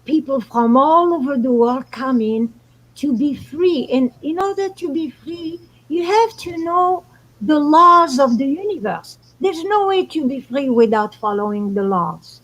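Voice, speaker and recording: A woman's voice: high voice, lively intonation, a little slow, poor audio. A woman from Morocco, hosting a casual astrology talk and explaining spiritual ideas earnestly. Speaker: show host.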